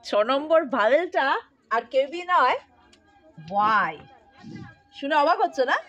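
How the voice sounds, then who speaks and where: A woman's voice: sits high, sing-song, a little slow, fairly bright tone, dull audio, faint music behind. A woman teaching English to students, patiently explaining and often checking that they follow along. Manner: patient, asks pupils questions often.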